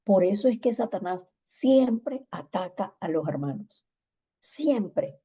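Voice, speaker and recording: A woman teaching a church discipleship Bible lesson, telling stories and acting out text-message exchanges in lively voices. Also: medium pitch, slow, husky, lo-fi sound.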